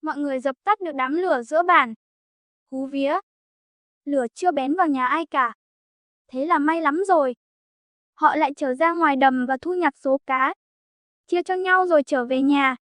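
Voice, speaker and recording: A woman reads a folk tale aloud in a high, light voice. The sound is dry and close, with no room around it. She keeps every character in her own voice rather than acting them out. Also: normal speed, pauses often, fairly bright tone, no echo. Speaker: storyteller.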